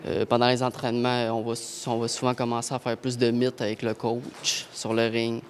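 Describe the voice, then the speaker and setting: A man, an amateur boxer answering simply and haltingly. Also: mid-range voice, monotone, slight background noise.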